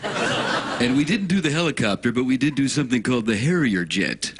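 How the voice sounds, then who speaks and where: A man's voice: mid-range voice, expressive, fairly quick. A man trading comic banter as a late-night host's sidekick. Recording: very noisy studio sound.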